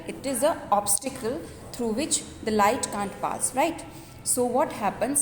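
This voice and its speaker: Higher-pitched woman teaching in echoey room. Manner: earnest, explanatory, often ending phrases with a questioning "right?". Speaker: school teacher. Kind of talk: school lecture to students. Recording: echoey reverberant room with background noise.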